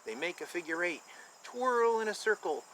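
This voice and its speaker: A man reads a children's picture book aloud and explains it informally in simple terms, animated throughout. His voice sits high, his pace is moderate, and there's a little hiss or hum.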